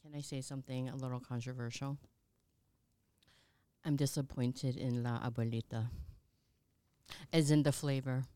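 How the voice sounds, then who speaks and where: A woman's voice: rumbling low, fairly even intonation, normal speed, long pauses, dark tone, no room sound. A woman co-hosting a podcast, chatting playfully about food. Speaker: podcast co-host. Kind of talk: casual chat.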